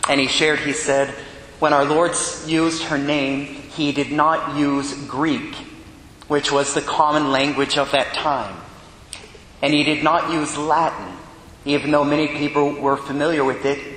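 A priest reads scripture and preaches in a measured, earnest voice. His words ring out in a cathedral echo that hangs in the large church, and a faint low rumble sits underneath. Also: fairly bright tone. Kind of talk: gospel reading and homily.

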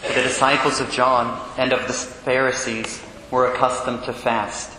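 A priest reading the Gospel and preaching a homily in a measured way, with rhetorical questions, his voice in a cathedral echo inside a large church. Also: flat delivery, noisy background. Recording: booming long reverb in a large church.

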